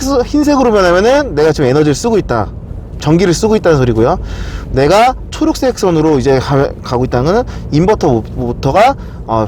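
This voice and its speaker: A man presents a casual explanatory walkthrough for a car video, often asking himself questions and then answering them. His voice is a little high and a little mellow, with a slight hiss or hum on the recording.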